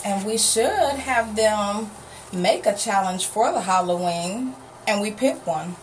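A woman's voice: medium pitch, lively intonation, slow. A middle-aged woman chatting casually in a home challenge video, picked up by a camera mic a few feet away. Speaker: challenge participant, mother. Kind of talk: casual chat. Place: indoor room with green backdrop. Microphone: camera microphone a few feet away. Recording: distant microphone, noisy room.

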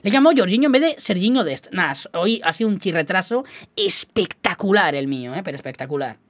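This is an expressive, high-pitched young man speaking a little quickly, his tone fairly bright and his Spanish accent lightly Galician. As a gaming YouTuber, he rambles chattily at his audience and keeps poking fun at himself.

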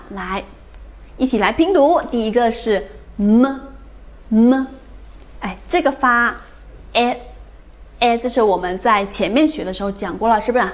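A woman teaching an English phonics lesson, drilling each sound slowly and often checking with her students. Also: medium pitch.

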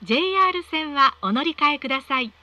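High, bright female train announcer. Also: expressive, dry recording. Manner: polite, measured, formal. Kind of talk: scripted automated train announcement.

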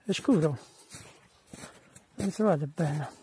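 A man's voice: fairly high pitch, takes it slowly, mellow, a little hiss or hum. A man guiding viewers along a path outdoors, explaining each step as he walks, in light rain on snowy ground. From Italy. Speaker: hiking guide. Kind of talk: walking vlog narration.

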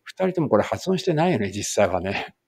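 A man teaching an English read-aloud lesson, reading Japanese lines and then slow, careful English, sometimes stopping to check pronunciation. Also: on the low side, sing-song, creaky, a little mellow, husky, no room sound.

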